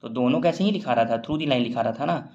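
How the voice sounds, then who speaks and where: A man's voice: mid-range voice, fairly quick, darkish tone, highs cut off. A man teaching a shorthand lesson in casual classroom style, explaining step by step and quizzing his students.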